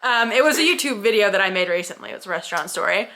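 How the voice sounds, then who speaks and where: A woman's voice: mid-range voice, very fast. A woman who hosts the show and works as a server, reading stories aloud in casual chat and laughing as she tells them. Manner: lively storyteller, laughs while reading. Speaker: host and restaurant server.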